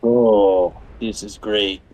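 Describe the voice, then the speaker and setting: A man's voice: lowish voice, steady tone, drawn-out words, warm tone. A man playing a tabletop game, chatting casually and asking about his moves. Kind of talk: casual chat.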